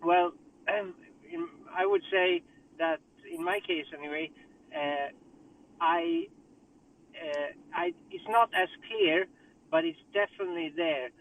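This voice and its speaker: A man calling in on a speakerphone while driving home, thinking aloud with halting restarts and sounding a bit distracted. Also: a little high, a little hiss or hum. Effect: car speakerphone call while driving. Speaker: caller in a group discussion. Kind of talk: casual group call chat. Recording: tinny distant phone line from a car.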